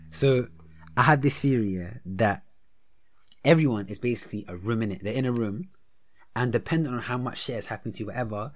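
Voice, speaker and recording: With a mid-range, fairly bright voice, this twenty-something Londoner talks animatedly in roadman style, loading his speech with slang and ending phrases with "innit" or "yeah".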